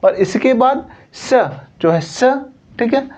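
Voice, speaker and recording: A man teaching Hindi in an online coaching class. He explains slowly, sounds out letters one at a time, and keeps checking with "theek hai". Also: very high-pitched, expressive, darkish tone. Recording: slightly dull lo-fi sound.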